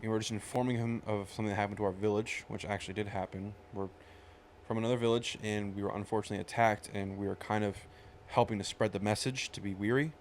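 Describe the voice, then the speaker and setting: A man's voice: on the low side, fairly even intonation, fast, slight background noise. A man playing a tabletop role-playing game, chatting casually about what his character does.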